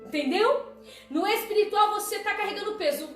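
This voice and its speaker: A woman's voice: extremely high pitch, fairly quick. A woman preaching a conversational sermon on a live stream, often asking the listener "tá?". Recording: echoey room, distant mic, faint music.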